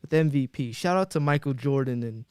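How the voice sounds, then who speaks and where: Relaxed, smooth-voiced male podcast host. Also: medium pitch, a little fast, no room sound, studio quality. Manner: loose, rambling sign-off with many fillers. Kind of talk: casual sports podcast chat.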